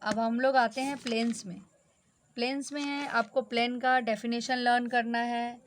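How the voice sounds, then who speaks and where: A woman teacher giving a brisk, exam-focused lesson, slipping English terms into her instructions. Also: a little high, flat delivery, slight background noise.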